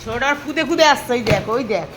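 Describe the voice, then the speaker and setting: High-voiced woman cooing at her dogs. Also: lively intonation, quick pace, heavy background noise. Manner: coaxing baby-talk to pets, rising to high squeals. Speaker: pet owner filming her dogs. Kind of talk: casual home vlog talk to pets.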